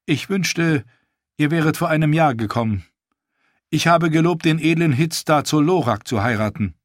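A man's voice: fairly high pitch, no echo, clean studio sound, voice pushed up, natural voice. Man voicing a regal young queen. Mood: commanding. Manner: regal, measured. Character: proud young queen, commanding and cool. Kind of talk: audiobook reading.

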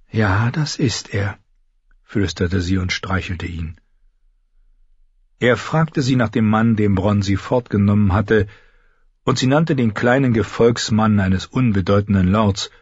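A man's voice: lowish voice, unhurried, slightly rough, dry recording. A man reading fantasy fiction aloud as an audiobook narrator. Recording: dull lo-fi recording.

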